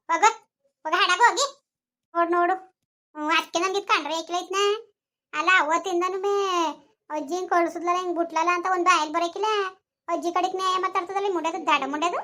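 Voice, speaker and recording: A woman playing an angry, sharp-tongued village mother who scolds and threatens. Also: very high-pitched. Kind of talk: village comedy skit acting.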